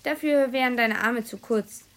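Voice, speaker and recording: A woman's voice: on the high side, normal speed, natural voice. A woman reading aloud, voicing a weary male schoolteacher who sighs and speaks patiently. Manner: sighing, patient.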